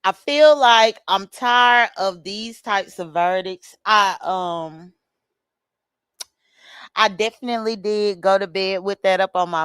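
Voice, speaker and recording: A woman's voice: mid-range voice, a bit bright, clean tone, no room sound, studio quality. A woman hosting a live stream in casual commentary, greeting viewers by name and making emphatic, exasperated asides.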